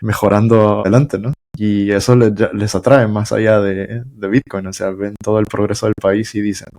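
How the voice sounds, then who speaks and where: A man's voice: on the low side, level tone, normal speed, darkish tone. A man hosting a podcast interview, chatty and loose, with lots of filler sounds and restarts. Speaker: podcast host. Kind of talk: casual interview chat.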